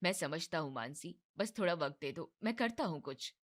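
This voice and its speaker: A woman's voice: normal speed, lightly acted. A woman voicing a young husband in a cartoon family drama, placating his wife and mother. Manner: soft, placating, lower voice. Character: young husband, soothing and evasive.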